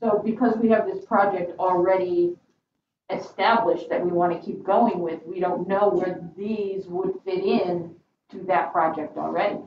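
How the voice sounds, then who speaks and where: Lowish woman, distant and echoey. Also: steady tone, unhurried. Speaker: board member. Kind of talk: meeting discussion. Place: indoor meeting room around a large table. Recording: echoey room, distant mic, dull, faint noise.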